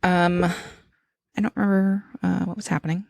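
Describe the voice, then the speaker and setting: A woman hosting a podcast in casual chat, an animated storyteller who laughs often. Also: lowish voice, normal speed, creaky, dry recording. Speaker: podcast host.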